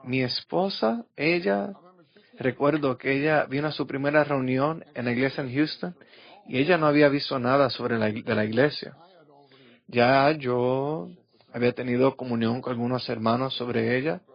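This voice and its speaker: Middle-aged male preacher, mid-pitched, storytelling style, dull lo-fi sound. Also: steady tone, normal speed, gravelly. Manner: storytelling, acting out quoted voices. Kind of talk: sermon with personal stories. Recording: dull lo-fi recording.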